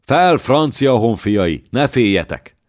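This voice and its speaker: A man voicing a defiant young peasant warrior maiden who shouts rousing battle cries. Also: low voice, lively intonation, dry recording, clean studio sound.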